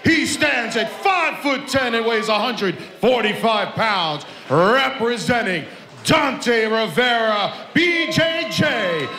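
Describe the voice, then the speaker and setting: A man's voice: very high voice, animated, pushed and bright, faint music behind. A man announcing fighters like a boxing ring announcer, ceremonially drawing out names over an echoey arena sound system. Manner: drawn-out, ceremonial delivery of names. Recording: echoey arena public address.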